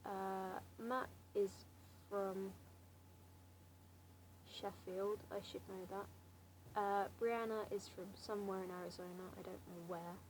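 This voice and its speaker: A woman's voice: medium pitch, level tone, slow pace, slight background noise, poor audio. A young woman in her late teens with a southern English accent, chatting casually in a hesitant, self-deprecating, wry way. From Slough, England. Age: late teens, seventeen. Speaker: amateur vlogger answering a challenge. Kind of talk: casual rambling chat to camera.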